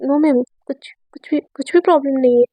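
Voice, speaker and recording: A woman's voice: sits high, brisk, mellow, no room sound, close to an everyday voice. A woman voicing a hurt young female student who answers politely, hesitant and stammering.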